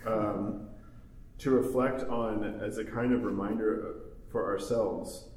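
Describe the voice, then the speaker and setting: A man's voice: fairly low pitch, fairly even intonation, takes it slowly, a little mellow. A man in his thirties talking casually in a group discussion, rambling with many fillers and laughs. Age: 30s. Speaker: study group member. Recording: roomy, distant mic, faint noise.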